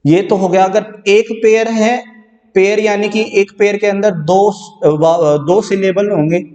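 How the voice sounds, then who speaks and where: A man's voice: high voice, fairly even intonation, a little slow, darkish tone. A male English teacher giving an exam-prep lecture, explaining step by step and repeating key words as he checks that students follow. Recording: distant mic in a reverberant room.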